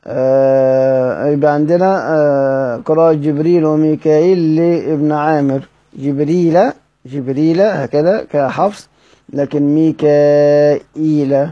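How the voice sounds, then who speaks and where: A man with an Egyptian accent teaching a lesson on Quranic readings, halting and drawing out each word form slowly. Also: fairly high pitch. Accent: Egyptian Arabic. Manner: halting, restarts words, drawls out the names of readings slowly. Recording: dull lo-fi recording.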